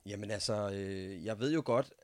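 A man's voice: fairly low pitch, vocal fry, no echo, studio quality. A man hosting a podcast interview, speaking hesitantly and searching for his words with many fillers. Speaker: podcast host. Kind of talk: conversational interview.

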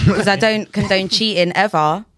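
A woman's voice: medium pitch, measured pace, a crowd in the background. A woman in her late twenties with a London accent, chatting casually in street slang as a podcast guest.

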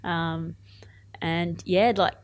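Drawing out her words in a steady, lowish voice, a woman in her twenties talks with an Australian accent. A cricket player born in Zimbabwe who moved to Australia when she was eight, she chats casually and enthusiastically during an interview.

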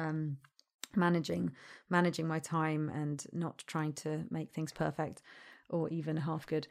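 A woman with a slightly low voice talks off the cuff in a loose, rambling monologue. She is hesitant and self-deprecating, letting thoughts trail off before circling back to them. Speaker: content creator.

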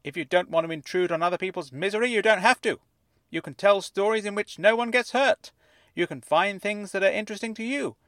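A man's voice: high voice, fairly quick, no echo, pitched above the performer's own voice. A man doing a fuzzy, wobbly newspaper man. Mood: earnest. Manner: effusive, gushing, rambles when excited. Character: excitable middle-aged male newspaper writer.

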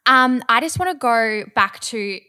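Bright-voiced woman host. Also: a little high, animated, smooth. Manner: friendly, quick affirmations. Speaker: podcast host. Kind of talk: casual conversational interview.

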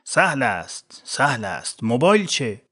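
A man's voice: mid-range voice, very animated, a bit bright, husky, pitched below the performer's own voice. A man voicing a burly, moustached angel who is blunt and scornful, with an offhand, mocking way of talking.

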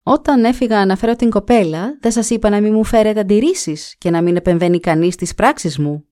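A woman's voice: medium pitch, warm tone, no echo, studio quality, natural voice. A woman reading a folk tale aloud and voicing a bold, stubborn young man who gives curt, insistent commands. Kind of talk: storybook reading.

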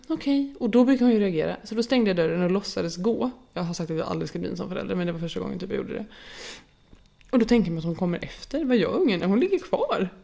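A woman's voice: medium pitch, gravelly, warm tone. A woman in her thirties, chatting casually and telling stories with animation. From Sweden. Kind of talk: casual chat.

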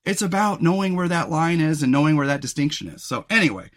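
A male podcast host talking alone in a rambling, reflective way, losing his voice and clearing his throat often. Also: fairly high pitch, lively intonation, quick pace. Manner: rambling and reflective, many fillers and restarts. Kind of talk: solo podcast monologue.

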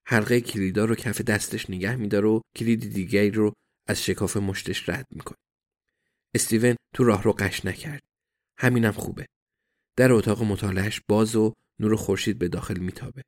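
A man narrating an audiobook in a measured, even reading. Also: fairly low pitch.

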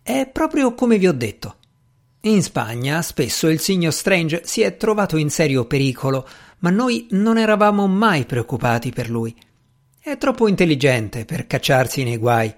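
A man reading aloud voices a cheerful, hearty army colonel who speaks loudly and jovially. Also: on the high side, very animated, normal speed. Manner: loud, jovial.

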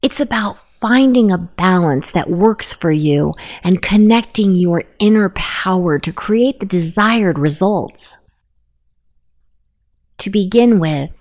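Slow, low-voiced woman guiding meditation. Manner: gentle, unhurried spoken instructions. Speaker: meditation guide. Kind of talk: guided meditation narration.

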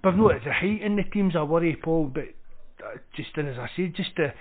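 A man's voice: a little high, expressive, a little fast. A Scottish man co-hosting a podcast, talking football in a casual, colloquial, matey way. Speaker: podcast co-host. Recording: thin phone-like call audio.

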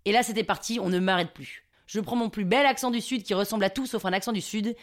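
A woman's voice: mid-range voice, fast. A woman in her thirties from Paris, narrating a self-mocking personal story for a podcast. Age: 30s.

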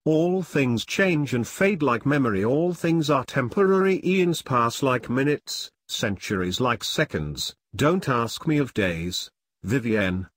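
Ein Mann, der in einer gelesenen Versgeschichte einen grüblerischen, müden Sensenmann spricht und feierlich in Reimen deklamiert. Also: male voice, medium pitch, expressive, takes it slowly, no room sound, voice pushed up. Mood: solemn. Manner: solemn, declaiming in rhyme. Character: brooding weary male Grim Reaper. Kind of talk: amateur dramatic poetry reading.

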